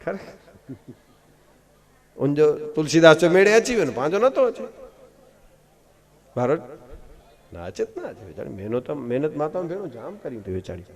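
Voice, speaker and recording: Animated man telling folk tales. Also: a little high. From Gujarat. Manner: animated storytelling, acts out voices of wife and husband, rises loud in punchlines. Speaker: katha storyteller. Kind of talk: devotional discourse with folk anecdotes. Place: live outdoor religious gathering.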